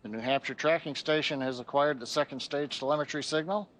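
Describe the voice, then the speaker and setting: A man's voice: a little high, steady tone, brisk, fairly bright tone. A man hosting a live launch webcast with explanatory technical commentary.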